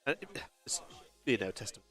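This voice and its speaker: A man's voice: mid-range voice, very animated, a little fast, sharp tone, soft background music. A man co-commentating a tabletop game on a live stream, mostly chiming in with short agreeing replies.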